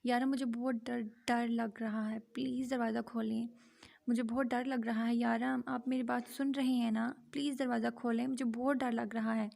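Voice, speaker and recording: A woman's voice: fairly high pitch, level tone, creaky, darkish tone. A woman voicing a terrified young wife who begs desperately to be let out. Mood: pleading. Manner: begging, desperate.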